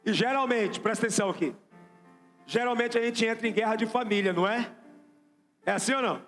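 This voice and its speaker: High-voiced Brazilian preacher in echoey hall. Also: male voice, a little fast, fairly bright tone. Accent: Brazilian Portuguese. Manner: emphatic, repeats lines, questions the crowd. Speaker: apostle preaching. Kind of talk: sermon. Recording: echoey church with background music.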